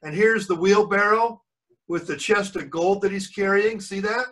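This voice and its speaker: Sharing his screen on a video call, an older man reads a book to children as their grandfather, frequently breaking for chatty explanations of words and checks on whether they follow. His voice sits high and a bit bright, at normal speed.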